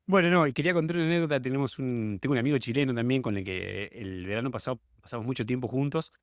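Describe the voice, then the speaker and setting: A man from Argentina with an Argentine accent, hosting a relaxed podcast chat and asking his guests questions. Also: mid-range voice, fast, dry recording, clean studio sound. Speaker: podcast host. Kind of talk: casual conversational podcast chat.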